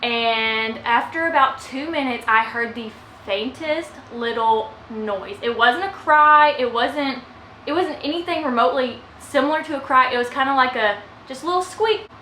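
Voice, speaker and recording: A woman's voice: high voice, sharp tone, slight background noise. A young woman vlogger telling her own story casually to the camera, emotional and close to tears at times. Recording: echoey room with faint ambience.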